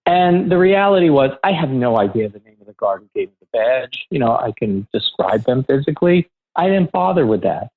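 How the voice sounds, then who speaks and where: A man's voice: mid-range voice, fairly quick, few pauses. Middle-aged man telling stories over a tinny line. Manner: lively storyteller who acts out quoted dialogue. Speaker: guest, security professional. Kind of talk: conversational anecdote telling.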